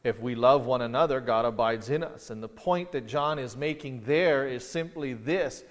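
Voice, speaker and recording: A man's voice: fairly high pitch, long reverb tail. A pastor preaching an expository sermon in an earnest manner, stressing questions as he builds each point.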